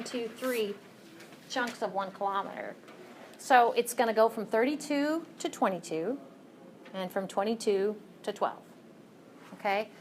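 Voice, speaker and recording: A woman teaching a college class in a classroom, explaining each step patiently and pausing to ask "okay?". Her voice sits in a middle range. A faint hiss runs under the recording. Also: mid-range voice. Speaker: college lecturer. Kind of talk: classroom lecture.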